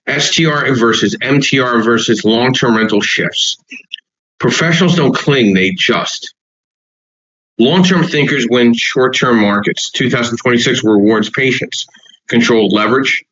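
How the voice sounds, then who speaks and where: A man's voice: mid-range voice, fairly bright tone, lo-fi sound. A man hosting a real estate podcast, reading short punchy points and then chatting loosely with restarts. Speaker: podcast host. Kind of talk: podcast talk, partly read notes.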